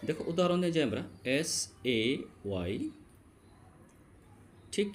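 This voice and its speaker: A man teaching English vowel sounds to students, addressing them directly, slowly spelling out letters and repeating key sounds. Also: medium pitch, very animated, a little mellow, slight background noise. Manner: slow, drawn-out spelling of letters. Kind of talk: classroom-style phonetics lesson.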